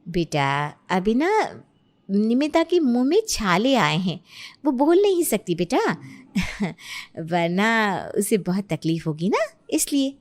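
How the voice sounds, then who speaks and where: A woman's voice: medium pitch, big pitch swings, takes it slowly, a little hiss or hum. A woman voicing an anxious middle-aged mother who speaks in a flustered, placating way.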